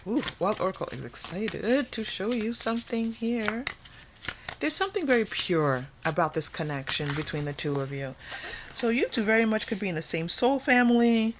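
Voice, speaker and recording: A woman with an animated, mid-range voice gives viewers a casual, intuitive tarot reading at a moderate pace, with background noise behind her. She hosts the reading, thinking aloud conversationally and repeating phrases for emphasis.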